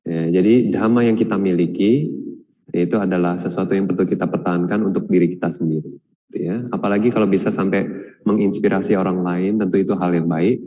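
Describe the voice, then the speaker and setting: A man's voice: deep voice, fairly even intonation, brisk, mellow. A man, a Buddhist monk, answering a question in a dharma talk, retelling a story with quoted voices and many fillers. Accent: Indonesian. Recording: long hall reverb.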